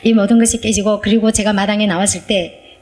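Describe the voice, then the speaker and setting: A woman's voice: medium pitch, level tone, brisk, darkish tone. A woman pastor preaching a testimony sermon in an earnest, emotional storytelling way.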